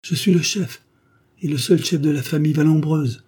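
A man's voice: on the low side, moderate pace, warm tone, husky. A man reading the lines of a proud, impulsive young French duke in an audiobook, in an indignant, dignified voice.

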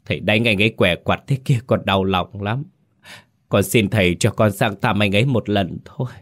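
A man voicing a landlord's young daughter pleading slowly through tears in a ghost story. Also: lowish voice, close to an everyday voice. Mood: pleading sobs. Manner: sobbing, pleading, slow.

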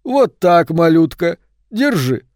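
A man voicing a hulking teenage bully who drawls slow, loud, mocking threats. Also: a little high, very animated, no echo, clean studio sound, pitched above the performer's own voice. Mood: taunting.

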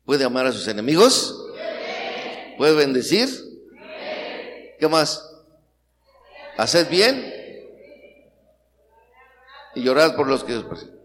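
A man's voice: mid-range voice, very animated, takes it slowly, pauses often, a bit bright. A middle-aged Mexican man preaching a sermon, rousing the congregation with questions, in a Mexican Spanish accent. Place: church hall. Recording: long hall reverb, faint noise.

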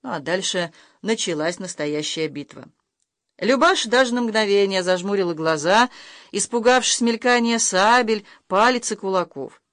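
Measured audiobook narrator, dry sound. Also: medium pitch, no echo. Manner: even, measured storytelling, reads footnotes aloud. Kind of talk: scripted narration.

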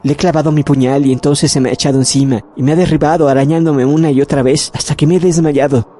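A man voicing a terrified young woman, shaken and pleading in a high voice, in a horror audiobook. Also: steady tone, quick pace, mellow, close to an everyday voice.

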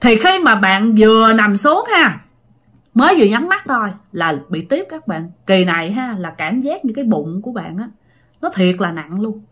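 Woman storyteller, Southern Vietnamese accent, bright and animated, dramatic and chatty with listeners. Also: medium pitch, normal speed. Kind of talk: casual ghost story telling.

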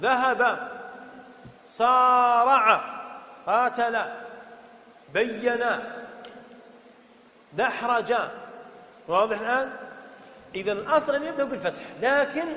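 A man's voice: extremely high pitch, measured pace, long pauses, fairly bright tone. A man teaching a grammar lesson, quizzing his class and repeating key words. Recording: dull echoey hall recording.

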